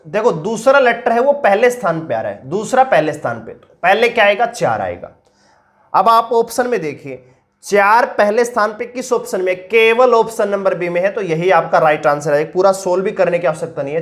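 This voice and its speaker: This online exam-prep reasoning lesson is led by a man with a sore throat. After putting a question to his viewers, he answers it himself, slowing down and lowering his voice to explain it step by step.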